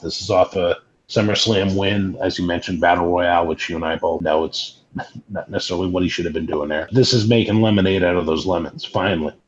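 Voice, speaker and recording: A man co-hosting a podcast, giving casual but measured, discursive wrestling commentary. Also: deep voice. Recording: muffled lo-fi, clearly noisy background.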